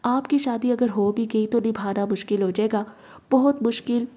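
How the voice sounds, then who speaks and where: A woman reading the part of a young police officer, speaking calmly, gently and earnestly. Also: a little high, moderate pace, natural voice. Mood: gentle.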